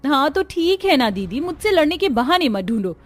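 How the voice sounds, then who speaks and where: A woman voicing a pert, sharp-tongued young daughter-in-law in a cartoon story. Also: high-pitched, very animated, moderate pace, voice pushed up. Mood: defiant.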